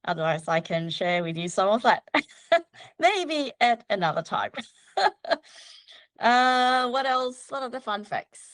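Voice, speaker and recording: A woman's voice: a little high, very animated, slow pace, pauses often, a bit bright, no room sound. A woman from Malaysia, a guest on a casual livestream interview, talking chattily and laughing often. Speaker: guest local guide.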